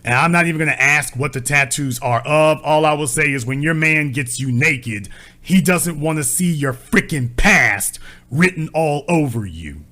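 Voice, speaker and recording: A man's voice: on the high side, lively intonation, moderate pace, sharp tone. A man hosting a call-in advice show, who lectures a caller in a blunt, scolding and crude way. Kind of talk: call-in relationship advice talk.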